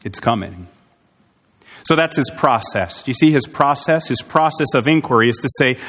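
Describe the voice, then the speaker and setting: A man delivers a sermon in an earnest, emphatic way, leaning on rhetorical questions. His voice sits at a middle pitch. The sound carries a long hall reverb from the church sanctuary. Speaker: pastor.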